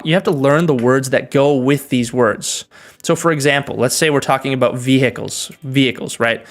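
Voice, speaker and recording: A young American man from the northern US runs a casual livestream Q&A, teaching English in an easygoing, friendly way. His voice sits at an ordinary middle pitch, and faint music plays under his talk. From northern United States. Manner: relaxed, greets viewers by name, explains with examples. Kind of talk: livestream Q&A, bilingual.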